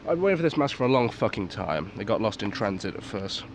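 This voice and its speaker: Reviewing a military surplus gas mask outdoors in a garden at night, a man with a fairly low voice speaks quickly with big pitch swings. The review is casual and off-the-cuff, understated and sweary, full of muttered asides, and the recording has clear outdoor noise.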